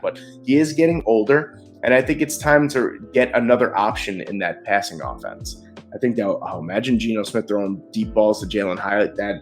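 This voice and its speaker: A man hosting a casual football mock draft video, talking with excitement and frequent restarts. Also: fairly low pitch. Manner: excited, rapid-fire picks with frequent restarts. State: short of breath. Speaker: sports video host.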